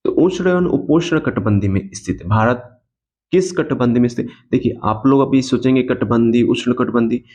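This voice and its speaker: A man's voice: mid-range voice, normal speed, darkish tone, slight background noise. A man teaching an exam coaching lecture, who repeats key points and asks and answers his own questions. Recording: dull lo-fi sound.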